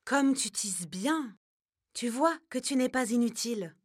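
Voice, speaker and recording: A woman's voice: on the high side, lively intonation, unhurried, slightly rough, no echo, studio quality, voice pushed up. A woman voicing a wise old grandmother bear in a children's story, speaking in a soothing, tender way.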